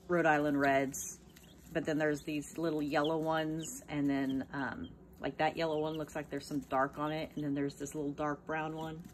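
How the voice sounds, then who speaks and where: Her voice is low-pitched, with a little hiss or hum in the audio, as this small farm vlogger films at home with her phone. She narrates off camera about her chicks, casual, chatty and plainspoken, with many ums and restarts.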